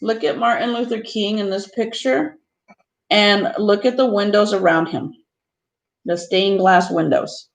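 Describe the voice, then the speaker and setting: A woman teacher reads a picture book aloud to her students in short, carefully phrased pieces, stopping for teaching asides. Her pitch is medium, and the audio is poor.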